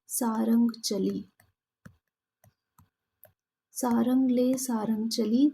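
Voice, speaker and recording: A woman teaching an exam-prep lesson, explaining terms and reading verse examples aloud with pauses. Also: fairly high pitch, dark tone, slightly rough, rough recording.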